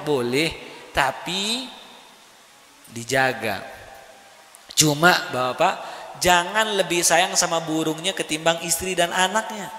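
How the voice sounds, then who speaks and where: A man preaching at a religious study gathering, animated and often asking the audience questions. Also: high-pitched, gravelly. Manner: animated, asks the crowd questions. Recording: echoey hall with faint noise.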